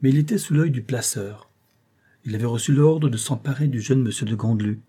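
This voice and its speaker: A man reads a novel aloud with measured, expressive storytelling. His voice is dark and mellow, with a husky edge. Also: medium pitch. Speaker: audiobook reader. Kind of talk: scripted narration of a novel.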